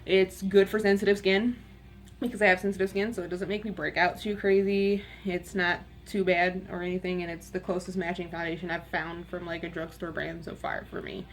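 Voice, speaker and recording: A young woman with a raspy voice, chatting candidly and rambling a little as she does her makeup in a get-ready-with-me video at home. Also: fairly low pitch, level tone, fairly quick, slight background noise. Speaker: beauty vlogger.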